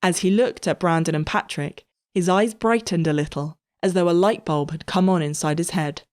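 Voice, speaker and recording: A woman narrating a comic story in a lively storytelling manner. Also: on the low side, normal speed.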